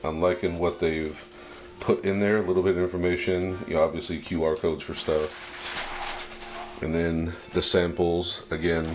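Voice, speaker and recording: A man giving casual unboxing commentary as a fragrance reviewer, laid-back and approving, thinking aloud in short, halting phrases. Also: low-pitched, level tone.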